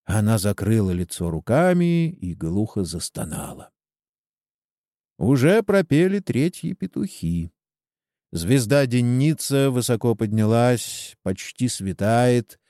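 A man narrating a sad storybook in an expressive, sorrowful way. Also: medium pitch, takes it slowly, no room sound, clean studio sound. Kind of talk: storybook reading.

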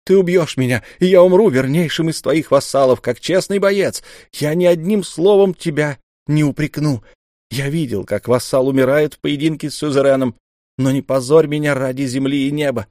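A man's voice: mid-range voice, moderate pace, a little mellow, no echo, studio quality, pitched above the performer's own voice, lightly acted. A man voicing a proud, desperate young noble duelist, pleading in heated, raised outbursts.

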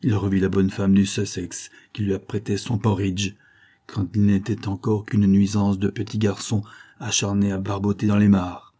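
A man reading a short story aloud in a dramatic, expressive way. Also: on the low side, normal speed. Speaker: narrator. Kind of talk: scripted narration of a short story.

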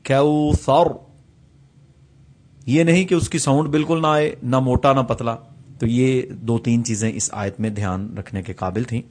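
A man, teaching tajweed, who slowly draws out each recited word and patiently explains common mistakes between the phrases. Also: mid-range voice, darkish tone. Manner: slow, drawn-out recitation of each word, repeated for practice.

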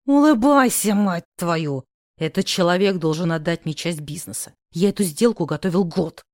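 A woman's voice: fairly low pitch, lively intonation, normal speed, darkish tone, dry recording, studio quality, close to an everyday voice. A woman voicing a mocking, bossy rich young man who teases and hisses orders. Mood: commanding. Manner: smug, teasing, hissing orders.

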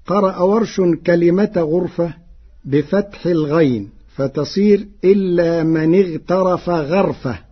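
A man teaching Quran reading variants in a measured, scholarly way, with an Egyptian accent, on a dull radio broadcast. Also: a little high, slightly rough. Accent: Egyptian Arabic. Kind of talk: explaining Warsh reading variants.

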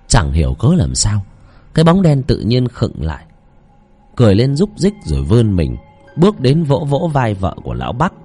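A man telling a village horror story in a dramatic, expressive voice. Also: on the low side, breathy edge.

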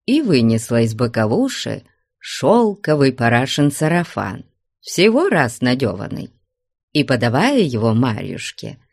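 A woman narrating a classic novel as an audiobook in a measured, expressive way. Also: very deep voice, vocal fry, no room sound, studio quality. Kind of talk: scripted narration.

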